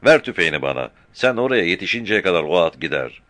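A man's voice: sits low, big pitch swings, fast, fairly bright tone, no room sound. A man voicing a stern, short-tempered army captain who gives curt orders, in an audiobook. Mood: commanding. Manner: curt, commanding.

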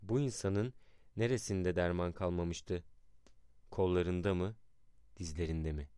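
A man narrating a historical account in a measured, dramatic reading style. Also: low-pitched, mellow, smooth, no echo, studio quality.

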